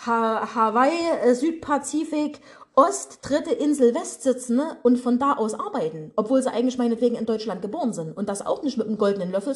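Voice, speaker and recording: A woman with a regional German dialect and a fairly high voice gives a motivational coaching monologue for a podcast. She talks in a colloquial, blunt way and speaks straight to the listener. She is talking from her office. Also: a little mellow. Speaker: business and mindset coach.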